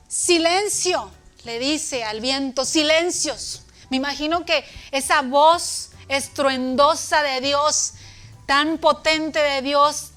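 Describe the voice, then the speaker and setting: A woman teaching a children's church lesson, speaking tenderly to the kids and booming out dramatic commands in her story, with a Latin American Spanish accent. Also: fairly bright tone. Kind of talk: children's sermon.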